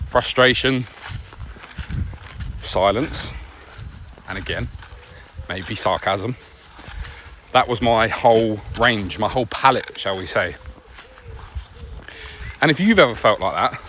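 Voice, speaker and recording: A podcast host with a mid-range voice and a bright, forceful tone reflects earnestly while walking his dog outside. His conversational speech comes in short phrases with pauses, and the noisy recording carries nature ambience.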